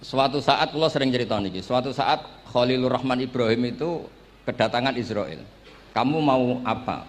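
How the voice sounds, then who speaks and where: A man's voice: medium pitch, brisk, a little hiss or hum. A middle-aged man with a Javanese accent giving a sermon, telling stories with acted dialogue and joking asides. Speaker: Islamic preacher.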